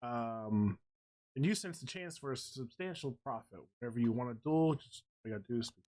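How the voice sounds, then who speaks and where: A man streaming a game in a medium-pitched voice. He comments casually, mutters asides to himself and reads game text out loud. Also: lively intonation, a little fast.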